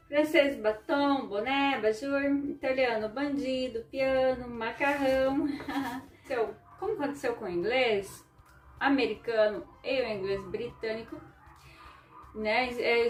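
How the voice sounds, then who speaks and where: A woman with a Ukrainian accent and a high, light voice gives an educational talk, tagging her points with a questioning 'né?' and slowing down to read out lists of words. She sounds set back from the mic in an echoey room. Soft music plays underneath. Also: recorded from a distance. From southern Brazil. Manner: explanatory, tags sentences with frequent 'né?', reads out word lists slowly.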